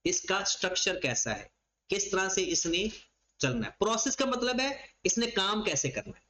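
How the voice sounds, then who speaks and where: A man's voice: high voice, sing-song, normal speed, sharp tone, a little hiss or hum, poor audio. A man giving a classroom lecture, explaining each point by asking a question and then answering it himself. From Pakistan. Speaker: accounting lecturer.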